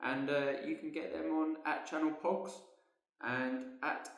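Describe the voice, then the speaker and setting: A man's voice: fairly high pitch, level tone, a little slow, creaky. A man co-hosting a casual gaming podcast, playful and laughing as he jokes along. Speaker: podcast co-host. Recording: very echoey room.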